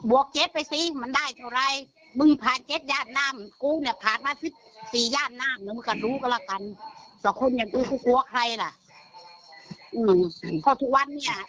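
A woman's voice: a little high, brisk, fairly bright tone, poor audio. An older woman chatting bluntly, swearing freely and repeating herself as she tells of a call. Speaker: grandmother telling of a phone scam. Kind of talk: casual phone-style chat.

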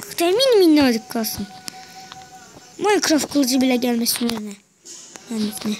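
A young woman streaming a game from her bedroom, excitable, with frustrated muttering and mild swearing. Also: on the high side, moderate pace, faint music behind. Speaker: gaming channel host. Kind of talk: casual gameplay commentary. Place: bedroom at home.

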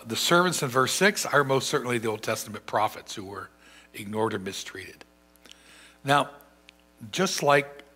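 An older man preaches from a church lectern, his voice bright and a little husky. He talks in a thoughtful, conversational way and often restarts his phrases. The sound is a lectern mic in a large sanctuary. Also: mid-range voice. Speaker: pastor. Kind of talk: sermon.

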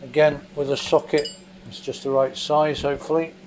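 A man's voice: on the high side, little pitch movement, moderate pace. An English man who works on motorcycles, explaining each step as he strips down an engine in his basement workshop. He talks in a plain, methodical way and thinks aloud with small fillers. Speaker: motorcycle mechanic presenter. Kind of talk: hands-on workshop demonstration. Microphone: camera mic above the bench, hands only in frame. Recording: faint extractor fan hum. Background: extractor fan noise.

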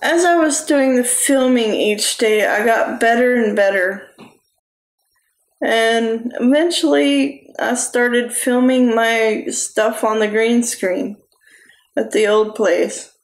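Slow, halting woman preaching to camera. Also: fairly high pitch. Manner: slow, halting delivery with restarts. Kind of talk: personal testimony sermon to camera. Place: small room indoors. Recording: echoey room.

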